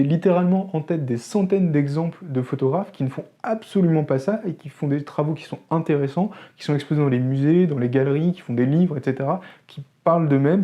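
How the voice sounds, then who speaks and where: Mellow, higher-pitched man speaking to camera. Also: muffled recording. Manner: opinionated, with wry joking asides. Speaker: photography channel host. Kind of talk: casual talk to camera.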